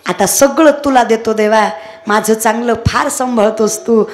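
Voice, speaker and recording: A woman's voice: on the high side, moderate pace. A woman kirtan preacher telling a devotional story with humor, acting out village voices and breaking into sung verses. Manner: animated, acts out village voices, sings verses.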